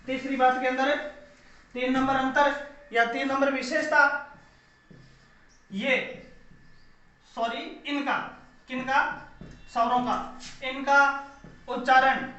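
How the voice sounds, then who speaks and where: A man's voice: extremely high pitch, flat delivery, slow, pauses often, sharp tone. Man teaching in a very echoey room. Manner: asks and answers own questions, repeats key phrases. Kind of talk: classroom grammar lesson. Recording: very echoey room, dull lo-fi sound.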